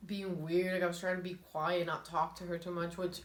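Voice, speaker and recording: A woman's voice: on the low side, flat delivery, a little fast. A woman in her twenties telling a story while eating, chatty, laughing and saying "like" constantly. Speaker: mukbang vlogger. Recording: echoey room with faint ambience.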